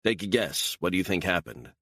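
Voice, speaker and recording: A man's voice: low voice, expressive, a little fast, a bit bright, slightly rough, no echo, exaggerated voice. A man voicing an impatient intelligence chief who presses for answers. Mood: demanding. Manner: demanding, pressing.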